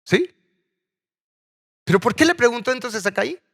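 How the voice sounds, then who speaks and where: A man's voice: very high voice, lively intonation, moderate pace, gravelly, a bit bright. A man preaching a sermon as pastor, asking his congregation questions as he goes. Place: church sanctuary. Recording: church hall reverb.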